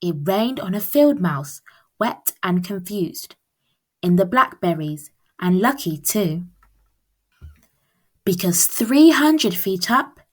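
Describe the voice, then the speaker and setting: A woman with a husky, mid-range voice reads a children's picture book aloud as a storyteller, phrasing each line expressively and deliberately.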